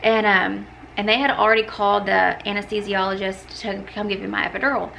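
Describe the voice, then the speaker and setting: A young woman chats through a personal story in a bright, forward voice with a gravelly edge. She fills her talk with "like" and acts out what people said. Faint room sound sits behind her. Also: mid-range voice, flat delivery, brisk, slight background noise, low-quality recording. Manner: chatty, many "like" fillers, acts out quoted lines. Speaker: vlogger. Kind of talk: casual storytelling to camera.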